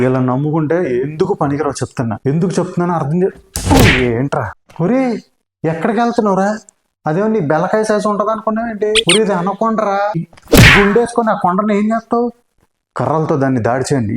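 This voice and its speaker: Young male VR streamer, fast insult comedy over a headset in an echoey, noisy room. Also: on the high side. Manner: insulting, teasing and yelling at game characters. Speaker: VR gamer streamer. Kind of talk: comic game commentary. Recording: echoey room with loud noise.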